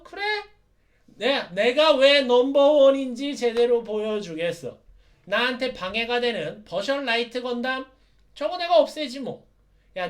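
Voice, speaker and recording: A man voicing a gloating male dark emperor monster who sneers and threatens. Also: extremely high pitch, voice pushed up. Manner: sneering, menacing.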